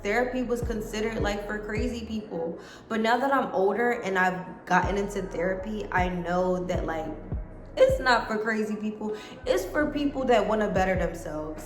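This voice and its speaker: A woman's voice: medium pitch, roomy sound. A woman in her late twenties talking casually to camera, giving earnest life advice to her viewers. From United States. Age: 20s. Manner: earnest, conversational, addresses viewers as guys. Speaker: vlogger.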